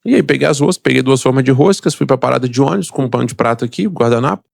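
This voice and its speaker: A gravelly, ordinary-pitched voice belongs to a middle-aged Brazilian Portuguese–accented man telling his life story on a podcast, fast and forceful. The dry, close recording captures his motivational tone as he performs quoted voices.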